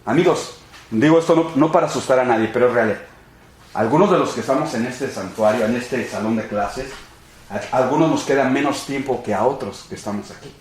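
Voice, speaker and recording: A man's voice: mid-range voice, fairly quick. A man giving an emphatic, repetitive sermon-style Bible class in a church sanctuary. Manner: emphatic, repetitive, addresses listeners as brothers and friends. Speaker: pastor teaching a Bible class. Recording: echoey church room.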